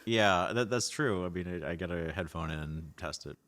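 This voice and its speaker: A man's voice: deep voice, normal speed, a bit bright. A man who reviews headphones, talking on a podcast with dry, self-deprecating humor. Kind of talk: casual podcast chat.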